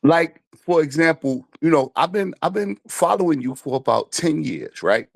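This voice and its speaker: A man's voice: a little high, animated, moderate pace, gravelly, no room sound. A man with a Brooklyn accent, a caller speaking in an informal, streetwise and insistent way in a casual debate. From Brooklyn, New York, USA. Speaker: caller to a talk show.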